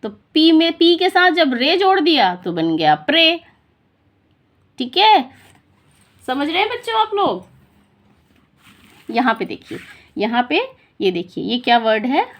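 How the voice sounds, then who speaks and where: Slow, patient woman teaching phonics. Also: high voice, sing-song. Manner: slow, patient, repeats and quizzes the listener. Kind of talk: phonics lesson for children.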